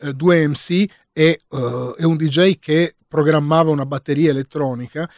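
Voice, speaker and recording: A rapper being interviewed, explaining his project in slow, halting phrases with many pauses. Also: a little high, fairly even intonation, darkish tone, no room sound, clean studio sound. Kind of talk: relaxed interview talk.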